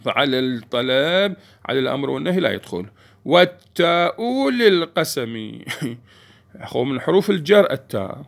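A male teacher walks a class through grammar rules. His voice has a gravelly, creaky edge, and his pitch sits in the ordinary middle range. He keeps putting questions to the students and then answers them himself. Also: animated, a little fast. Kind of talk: Arabic grammar lesson.

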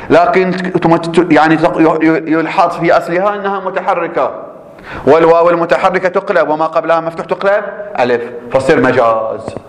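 A man's voice: fairly high pitch, echoey room, low-quality recording. A male teacher explaining a grammar point in class, repeating himself and checking that students follow.

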